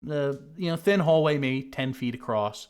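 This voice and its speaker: A man's voice: mid-range voice, normal speed, a little mellow, clear, resonant tone. A man acting as game master, narrating a tabletop adventure casually and off the cuff.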